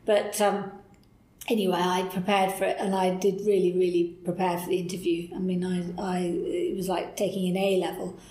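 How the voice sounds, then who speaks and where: A middle-aged woman, a podcast interview guest, telling a candid story in an animated, enthusiastic way, with laughs and restarts. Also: lowish voice, normal speed. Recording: roomy echo.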